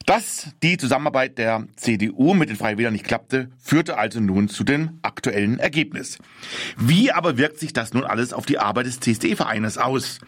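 A man's voice: mid-range voice, fairly bright tone, dry recording, clean studio sound. A man hosting a radio show, reading a prepared introduction and then interviewing a guest with short questions.

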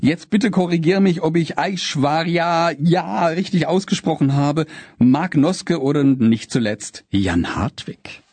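A man's voice: a little high, a little slow, a little mellow, husky, no echo. A man hosting a casual interview, asking playful questions. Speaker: host.

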